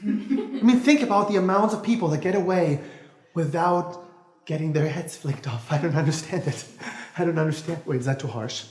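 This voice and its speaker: A man's voice: a little high, normal speed, a little mellow, reverberant, long reverb tail, natural voice. An actor playing a bitter, cynical man who rants sarcastically and keeps correcting himself with nervous laughs. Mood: bitter ranting. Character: bitter, cynical adult man ranting about lost faith. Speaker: actor in a stage-style monologue. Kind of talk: dramatic monologue.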